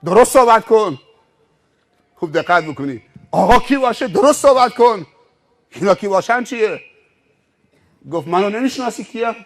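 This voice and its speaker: A man's voice: high voice, animated, pauses often. A man acting out a stern male angel of death who barks orders and coldly lists the man's riches.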